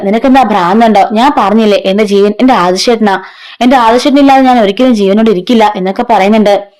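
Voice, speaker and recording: A woman's voice: mid-range voice, a little mellow. A woman from casually retelling a serial story, chatty and conversational, quoting the characters in her own voice. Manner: chatty, adds "ട്ടോ" tags, quotes characters in own voice.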